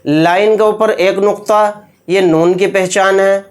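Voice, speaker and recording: A Quran reading teacher giving a beginner alphabet lesson, stretching out each letter name slowly and clearly, then explaining it in a calm, patient way. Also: mid-range voice.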